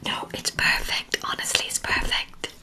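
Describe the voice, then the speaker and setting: An ASMR live streamer, a woman, whispers playfully and casually to her live viewers, often repeating phrases. Her breathy whisper comes at normal speed with a bright, forceful tone, captured by a large microphone right in front of her mouth in a small room at home.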